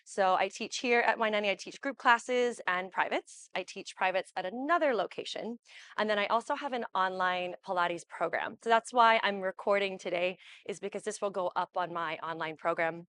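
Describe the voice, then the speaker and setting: A woman's voice: medium pitch, moderate pace, fairly bright tone. A woman in her thirties from Hawaii, a Pilates instructor casually welcoming a small group to a workshop, with many fillers. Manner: chatty, loose, with fillers like um and like. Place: wellness studio with a small audience.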